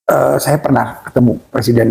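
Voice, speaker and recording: A male pastor, a guest in an interview, telling an anecdote in an animated, excitable way, often exclaiming and shifting his pace for effect. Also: mid-range voice, moderate pace, gravelly. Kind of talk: animated storytelling in a conversational interview.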